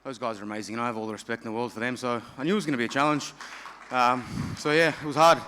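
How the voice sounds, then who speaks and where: Quick, bright-voiced man, humble. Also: mid-range voice, steady tone, a little hiss or hum. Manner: humble, gracious, thankful. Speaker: grappler after a loss. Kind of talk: post-fight interview.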